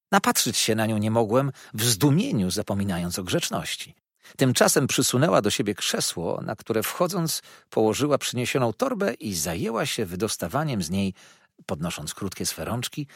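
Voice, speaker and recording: A man narrating a novel as an audiobook in an expressive, lively storytelling manner. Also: medium pitch, husky, dry recording, clean studio sound. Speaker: audiobook reader.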